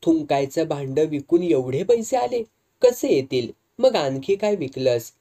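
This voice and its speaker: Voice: mid-range voice, expressive, measured pace, dark tone. A storyteller voicing a bedridden, ailing old man who is sarcastic and bitter. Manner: sarcastic, scolding.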